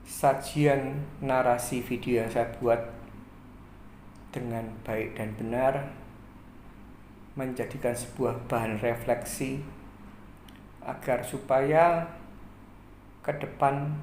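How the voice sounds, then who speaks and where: Man in his 40s, unhurried life-story narrator, pausing often, echoey room with faint hum behind. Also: mid-range voice, steady tone, darkish tone. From Indonesia. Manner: slow, measured, with frequent pauses. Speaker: channel host.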